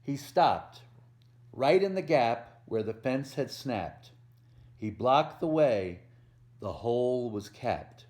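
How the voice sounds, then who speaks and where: Slow and mellow, a volunteer storyteller reads a children's picture book to small kids, adding gentle, simple explanations and questions for the listener. His mid-range voice is animated.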